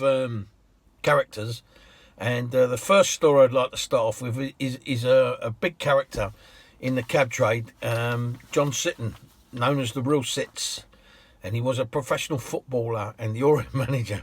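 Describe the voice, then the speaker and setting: Husky cabbie telling yarns. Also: male voice, medium pitch, normal speed, no room sound. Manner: chatty, laughs often, many ums. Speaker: London cab driver. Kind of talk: anecdotal storytelling.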